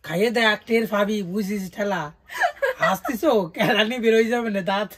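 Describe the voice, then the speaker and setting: A woman's voice: medium pitch, steady tone, moderate pace. A woman chatting casually and teasingly with viewers in a playful, giggly way during a food challenge. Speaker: vlogger doing a spicy noodle challenge. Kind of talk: casual chat and banter to viewers. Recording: clearly noisy background with clicks.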